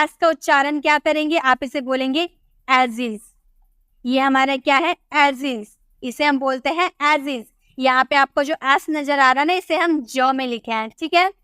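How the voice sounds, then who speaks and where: A woman's voice: high voice, fairly bright tone, dry recording, studio quality. A woman teaching English pronunciation rules step by step, repeating words and quizzing the viewer. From India.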